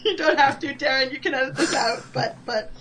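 A woman's voice: high-pitched, brisk, fairly bright tone. A woman co-hosting a podcast, chatting playfully and laughing along. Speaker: podcast co-host. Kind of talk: casual podcast chat.

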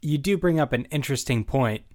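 Young guy cohosting a podcast, average pitch, loose informal recap chat. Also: expressive, fairly quick, a little mellow. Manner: informal, sweary, acts out paraphrased dialogue. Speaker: podcast co-host.

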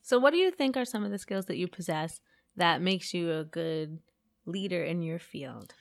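A woman's voice: fairly low pitch, lively intonation, normal speed, creaky. A woman hosting a podcast, asking her guest questions in an upbeat, playful way. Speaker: podcast host. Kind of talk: casual interview hosting.

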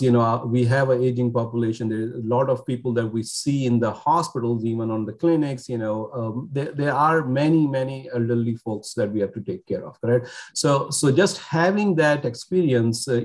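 Halting man from Pakistan. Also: mid-range voice, a little mellow. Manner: hesitant, many fillers and restarts. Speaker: physician guest. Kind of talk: podcast interview.

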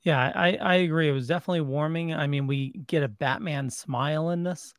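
A man's voice: a little high, fairly quick, clear, resonant tone, dry recording, studio quality. A man moderating a podcast discussion in an easygoing way and asking the others for their final thoughts. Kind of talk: casual comic book discussion.

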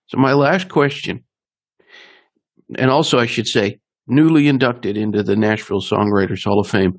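A man's voice: lowish voice, normal speed. A man interviewing a guest in a polite, appreciative, conversational way.

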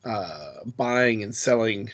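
A man's voice: on the low side, expressive, slow, no echo, lo-fi sound. A man co-hosting a podcast, explaining a trivia fact in a rambling, hesitant way with many ums and restarts. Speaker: podcast co-host. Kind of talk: casual podcast chat.

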